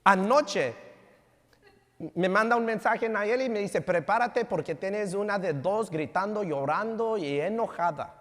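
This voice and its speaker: A man's voice: high voice, a little slow. A man in his thirties, a pastor preaching a sermon, telling family stories and mixing Spanish with English. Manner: code-switching between Spanish and English, storytelling. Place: church sanctuary. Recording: long church hall reverb.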